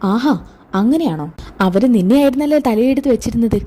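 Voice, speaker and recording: A woman voicing a scheming middle-aged mother who asks sharp, prying questions. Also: on the high side, animated, fairly quick, breathy edge, voice pushed up.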